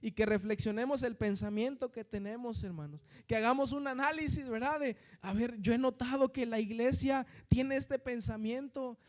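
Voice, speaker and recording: A man with a northern Mexican accent delivers a sermon in a notably high voice. He preaches in a chatty way, constantly tagging his sentences with questions and addressing the congregation as brothers and sisters. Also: moderate pace, hardly any pauses.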